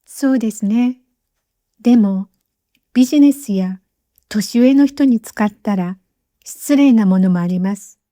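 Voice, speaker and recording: A woman teacher giving a scripted lesson, speaking slowly and carefully with clearly spaced phrases, recorded as a voice-over. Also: fairly high pitch, mellow, no room sound, studio quality. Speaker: Japanese teacher.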